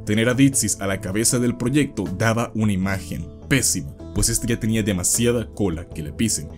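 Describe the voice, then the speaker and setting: A man's voice: fairly low pitch, a little fast. A man delivering scripted video commentary in an emphatic, explanatory way. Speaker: video essay host. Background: background music.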